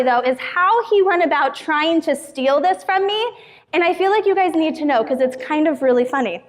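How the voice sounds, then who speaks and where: A young woman pastor telling a funny personal story in a casual sermon to a church group. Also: sits high. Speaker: youth pastor. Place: church hall. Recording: hall reverb.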